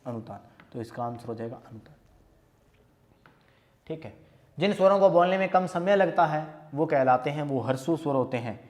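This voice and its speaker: This young man teaches a grammar lesson, working through quiz questions by repeating each one and then answering it himself, stressing key terms again. His voice is a little high and darkish, with lively intonation, a moderate pace, and frequent pauses.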